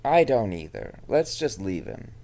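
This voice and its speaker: A man's voice: lowish voice, big pitch swings, measured pace, creaky, dark tone, a little hiss or hum. A man talking casually in an improvised role-play, blunt and offhand, with a dismissive streak.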